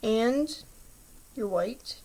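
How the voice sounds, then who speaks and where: Woman, craft tutorial, step-by-step, chatty, slightly throaty, higher-pitched. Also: expressive, drawn-out words, noisy background. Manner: patient, chatty instructions with small slips and apologies.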